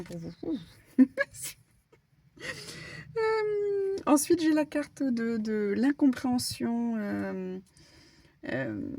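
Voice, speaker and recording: A woman medium giving a casual spiritual card reading, talking in an animated, stumbling way with many fillers. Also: a little high, gravelly, husky. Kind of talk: spiritual guidance talk, casual.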